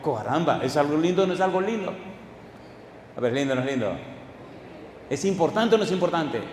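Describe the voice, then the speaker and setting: A man's voice: fairly high pitch, lively intonation, brisk, slight background noise. Fiery male preacher in an echoey hall. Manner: call-and-response questions to the congregation; swings from hushed asides to loud emphatic declarations. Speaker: pastor. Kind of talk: sermon. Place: church hall. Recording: echoey hall with faint ambience.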